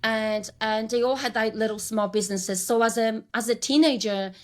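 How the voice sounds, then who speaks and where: In a podcast interview, a Polish-accented woman in her forties looks back on her career as a branding coach, with many restarts along the way. Her voice is on the high side, with fairly even intonation and a moderate pace. She comes from Poland.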